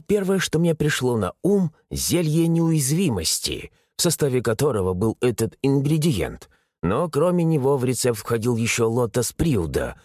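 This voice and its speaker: A man narrating an audiobook in the first person with expressive storytelling. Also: mid-range voice, no echo, clean studio sound.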